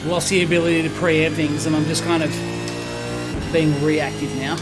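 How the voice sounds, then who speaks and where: A man's voice: a little high, little pitch movement, moderate pace, loud music behind the voice, low-quality recording. An Australian man giving casual, slangy solo commentary to himself while driving in a racing game. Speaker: sim racing driver. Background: loud racing car engine sounds.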